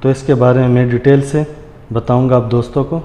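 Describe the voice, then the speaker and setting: Here the host's mid-range voice is steady and mellow, moving a little fast. In a relaxed tutorial he demonstrates by hand at a granite counter, explaining each step and addressing his audience as friends. The tiled indoor room gives the noisy recording a hard, echoey quality.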